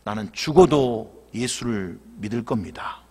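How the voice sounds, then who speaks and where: A man's voice: lowish voice, unhurried, warm tone, slightly rough, pitched below the performer's own voice. A man voicing a young, devout grandson who answers firmly and earnestly, in a reverberant church hall. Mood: steadfast.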